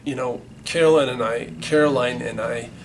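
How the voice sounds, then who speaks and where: A man's voice: mid-range voice, moderate pace, noisy background. Rambling, foul-mouthed middle-aged man. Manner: rambling, heavy swearing, many restarts. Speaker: band member recalling the band's origins. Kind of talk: casual storytelling. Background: music.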